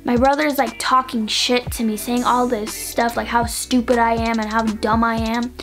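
A young woman with a slightly high voice tells a personal story to her channel in a loose, chatty monologue. She rambles and fills nearly every phrase with "like". Soft music plays faintly underneath. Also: level tone, moderate pace. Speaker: vlogger.

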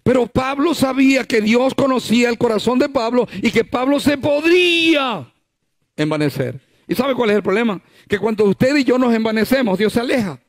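A man's voice: extremely high pitch, animated, normal speed. A male pastor preaching a sermon at a church service, conversational, full of rhetorical questions and acted-out quotes.

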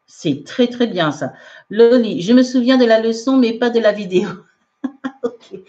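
A woman's voice: fairly high pitch, normal speed, warm tone. A woman teaching English in a live online lesson, reading out viewers' comments and correcting them in a chatty way with frequent laughs, mixing French and English. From France. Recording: dull lo-fi livestream audio.

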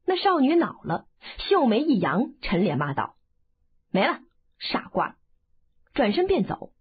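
A woman narrating a martial arts novel as an audiobook, in an expressive, dramatic storytelling manner. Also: sits high, normal speed, breathy edge. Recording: phone-like narrow band.

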